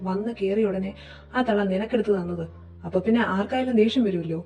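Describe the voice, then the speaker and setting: A woman performing every role in a fan audio drama, in a lively, teasing and quarrelsome way. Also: mid-range voice, fast, soft background music. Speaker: voice actor reading all parts.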